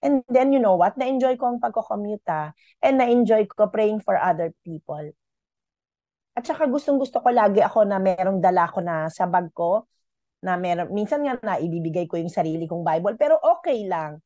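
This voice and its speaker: Animated woman telling a faith story. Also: mid-range voice, normal speed, no echo, highs cut off. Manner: animated storytelling, Taglish code-switching. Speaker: radio guest.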